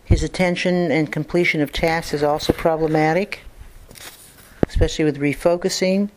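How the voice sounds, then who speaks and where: A clinician dictating a report, speaking punctuation marks aloud and spelling out names, steady and matter-of-fact with occasional fillers. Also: mid-range voice, moderate pace, background noise.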